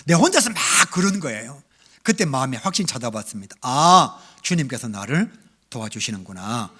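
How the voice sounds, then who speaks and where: A middle-aged male pastor preaching a revival sermon, telling his own story with big swings between loud and hushed. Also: on the high side, husky. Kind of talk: revival sermon with personal testimony. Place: church sanctuary.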